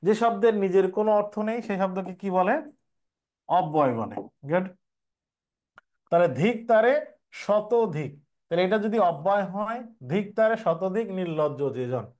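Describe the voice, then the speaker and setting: A man's voice: sits high, lively intonation, normal speed, a little mellow. A young man, teaching an exam preparation class and explaining step by step, repeating each question before answering it.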